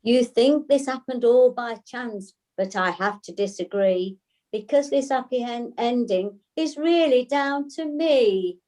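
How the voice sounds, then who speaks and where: A woman's voice: fairly high pitch, a little slow, dark tone, lightly acted. A woman playing a doting, meddling matchmaker figure who coos, on a video call. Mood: smug. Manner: cooing, doting.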